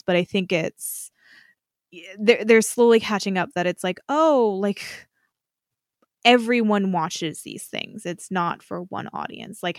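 A woman's voice: on the low side, creaky, no echo. Woman, podcast co-host, thoughtful, hesitant, lots of fillers, dry close sound. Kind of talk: casual chat.

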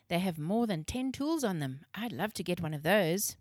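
A woman voicing an excited young boy in a storybook reading. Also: fairly low pitch, normal speed, dry recording. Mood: eager. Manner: eager.

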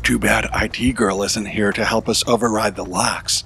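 A man voicing a clever, determined superhero woman in a storybook reading, talking in a calm, tactical way. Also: fairly low pitch, moderate pace, gravelly, slight background noise.

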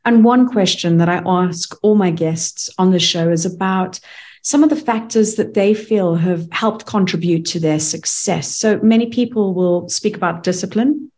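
Measured woman hosting an interview. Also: lowish voice, a little mellow. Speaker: interview host. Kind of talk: interview questions.

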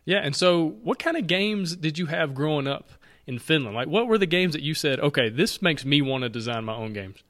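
A man hosting a podcast interview, talking in an upbeat, friendly way and asking quick questions. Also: a little high, animated, a bit bright. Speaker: podcast host. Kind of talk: casual interview chat.

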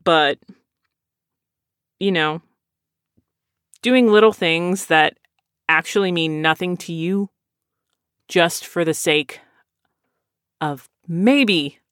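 A podcast host in their late thirties answers listener questions in a loose, chatty way. They wander into tangents and poke fun at themselves. The voice sits at a middling pitch and is recorded dry, with no room sound. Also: extremely slow, pauses often, a bit bright, clear, resonant tone, no room sound. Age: 30s. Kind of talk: casual chat.

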